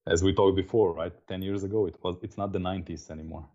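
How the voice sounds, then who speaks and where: A man's voice: sits low, steady tone, quick pace, mellow, dull audio. A middle-aged man from Slovenia with a Slovenian accent, chatting casually as an interview guest. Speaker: interview guest, software developer.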